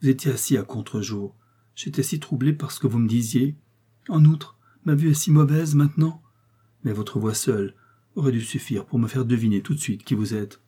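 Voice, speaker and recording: A man's voice: mid-range voice, normal speed, warm tone, husky, close to an everyday voice. A man voicing a nervous aging woman servant who trembles and sobs as she pleads. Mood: agitated. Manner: trembling, sobbing pleas.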